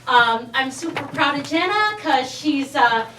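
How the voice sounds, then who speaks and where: A teachers' union president delivers an enthusiastic school board address, naming her colleagues one by one. Her high voice is animated, unhurried, bright and forceful, picked up from far away in an echoey room with slight background noise.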